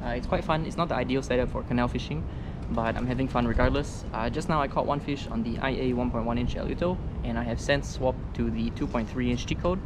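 A man's voice: medium pitch, quick pace, hardly any pauses, noisy background. A young man, a fishing vlogger, talking casually outdoors by an urban canal into a chest-mounted action camera, with many filler sounds. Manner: relaxed, chatty, many "uh" fillers. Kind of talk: casual vlog narration.

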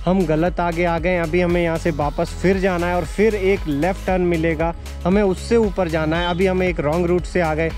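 A man's voice: high voice, little pitch movement, normal speed, few pauses, a little mellow, faint music behind. A man in his thirties from India, narrating a casual motorcycle travel vlog outdoors on mountain roads, chatty and enthusiastic as he explains tips to viewers.

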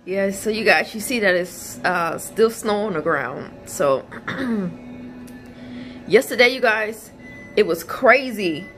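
A woman's voice: mid-range voice, lively intonation, slow pace, fairly bright tone. A chatty woman, talking casually to viewers in a home vlog. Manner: chatty, repeats you guys. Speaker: vlog host. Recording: faint music behind.

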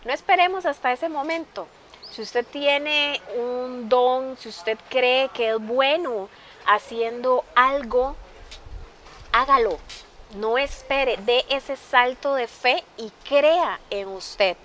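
A woman hosts a television interview with a somewhat high voice. She encourages her guest and speaks straight to the viewers in a motivational way, over faint background hiss. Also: extremely slow, fairly bright tone. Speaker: TV show host. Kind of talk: interview talk show.

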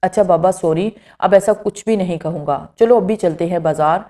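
Brief: woman voicing a teasing young man in a storybook, low and mellow. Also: close to an everyday voice. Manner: playful, teasing.

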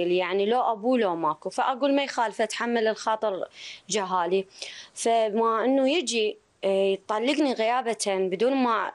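A woman in her thirties with an Iraqi Arabic accent, giving a personal account as an interview guest. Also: medium pitch. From Iraq. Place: small indoor room. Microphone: handheld reporter mic held close.

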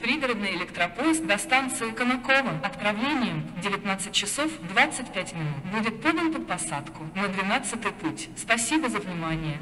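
A woman making measured, formal train announcements over a PA system in a large railway station. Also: mid-range voice, pushed and bright. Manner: measured, clipped and formal, slowing on place names. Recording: long reverb of a station hall.

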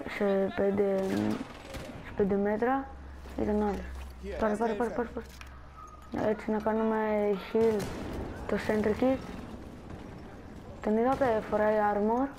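A woman's voice: mid-range voice, noisy background. A woman giving casual gameplay commentary as a channel host, chatting and talking viewers through her moves.

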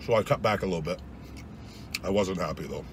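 A man's voice: brisk, a little hiss or hum. A young man reviewing food in a casual, joking way, talking while chewing with his mouth full in a parked truck. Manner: loose and joking, low-key asides. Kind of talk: casual vlog monologue.

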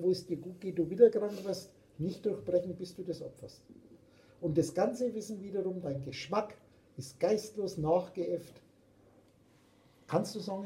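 German-accented male spiritual teacher, preachy and insistent, high pitch. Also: mellow, poor audio. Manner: emphatic, preachy, repetitive. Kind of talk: philosophical talk.

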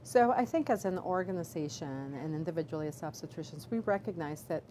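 A middle-aged woman obstetrician gynecologist answering questions in a live video Q&A, measured and full of fillers and restarts. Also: sits low, lively intonation, mellow, rough recording. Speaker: obstetrician gynecologist, chief medical officer. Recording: background noise.

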